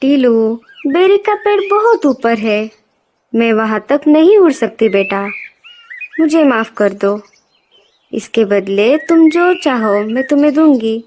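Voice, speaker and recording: A woman voicing a gentle, apologetic mother bird in a cartoon story, speaking softly and soothingly. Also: a little high, animated, slow, slight background noise. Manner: soft, soothing.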